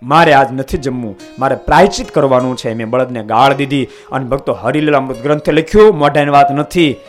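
A man preaching a sermon, scolding his listeners with passion and swinging from loud outbursts to hushed asides. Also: medium pitch.

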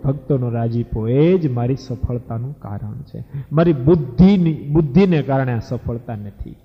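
A man telling a devotional scripture story as a sermon, dramatic and emphatic, addressing the devotees. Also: medium pitch. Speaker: religious storyteller preacher. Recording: echoey hall, dull lo-fi, faint music.

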